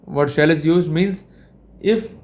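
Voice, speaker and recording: With an Indian accent and a somewhat high, slightly mellow voice, a man lectures on legal topics. He explains methodically, one step at a time, in a formal, deliberate manner punctuated by repeated connecting phrases.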